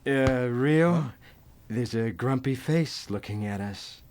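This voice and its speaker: A man's voice: mid-range voice, expressive, takes it slowly, a little mellow, slight background noise. A man voicing a brash, whiny, tipsy young detective in an anime dub, casual and grumbling. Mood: puzzled.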